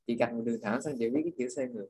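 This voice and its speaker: Fast, halting man. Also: mid-range voice, darkish tone, breathy edge. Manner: halting, restarts mid-sentence. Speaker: study group member. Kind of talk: casual study chat.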